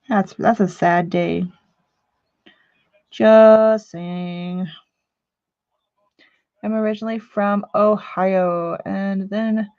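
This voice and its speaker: A woman hosts a casual live stream from her living room, chatting and joking with her viewers. Her voice is dry and close, with no room echo, and the sound comes through somewhat dull and muffled. She sits at a mid pitch. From Missouri. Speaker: live stream talk show host.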